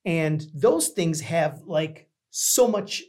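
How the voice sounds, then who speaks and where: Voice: mid-range voice, expressive, extremely slow, a little mellow, slight background noise. A host chatting casually, telling things in a rambling, conversational way. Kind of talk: casual chat.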